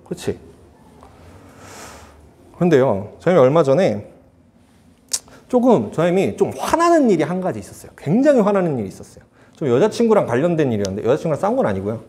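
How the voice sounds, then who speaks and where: Young male youth teacher, casual sermon, lively pitch, slightly higher voice. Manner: chatty, asks the students questions.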